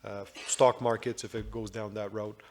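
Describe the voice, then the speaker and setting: A man's voice: lowish voice, level tone, a little mellow. Businesslike man on a panel. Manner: businesslike, with frequent filler pauses. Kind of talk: conference panel remarks.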